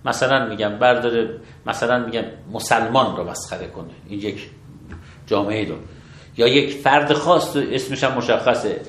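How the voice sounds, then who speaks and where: A man, a religious law scholar, explaining rulings step by step in an interview, measured and methodical. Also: mid-range voice, fairly bright tone, reverberant, slight background noise. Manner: measured, methodical, affirms with short approvals.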